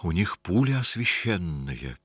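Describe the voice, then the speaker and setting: A man voicing a small, timid male house spirit in a storybook, talking in a hurried, anxious way. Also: low voice, sing-song, a bit bright, slightly rough, no echo, clean studio sound, heavily acted.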